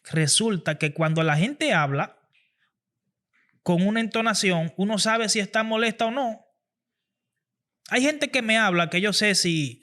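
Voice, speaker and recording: A man's voice: high-pitched, a bit bright. A man hosting a podcast, giving an earnest motivational talk on public speaking and repeating phrases for emphasis. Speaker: podcast host.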